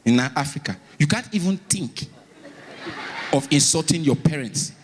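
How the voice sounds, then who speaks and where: On a live comedy stage, an animated Nigerian man performs stand-up, storytelling to the audience while acting out bits, pausing dramatically and repeating lines. His voice is on the high side with a breathy edge.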